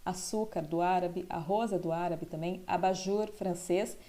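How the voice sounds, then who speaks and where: A woman's voice: on the low side, fairly even intonation, normal speed, warm tone. A woman teacher explaining a school lesson, often checking in with tag questions.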